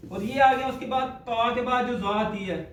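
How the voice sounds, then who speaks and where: A man teaching the correct pronunciation of Quran letters, speaking slowly and deliberately and repeating each sound to demonstrate it. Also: extremely high pitch, fairly bright tone. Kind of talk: spoken lesson on letter pronunciation. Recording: echoey room, voice far from mic.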